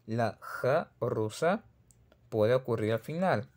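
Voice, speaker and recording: Slow-speaking Caribbean Spanish man teaching. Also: medium pitch, expressive, a little mellow. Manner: repeats sample words slowly, patient and demonstrative. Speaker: Russian language teacher. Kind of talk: pronunciation lesson.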